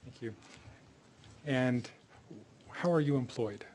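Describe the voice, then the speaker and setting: A male attorney questions a witness in a mid-pitched voice, often pausing on fillers as he goes. It is a courtroom recording, with a faint layer of background noise behind him. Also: darkish tone. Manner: hesitant, many fillers.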